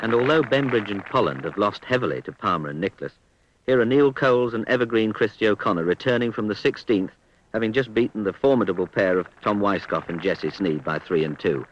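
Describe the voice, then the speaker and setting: A man giving measured, understated golf commentary on a 1970s archive sports broadcast. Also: lowish voice, highs cut off, a little hiss or hum. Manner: understated, measured descriptions with appreciative exclamations.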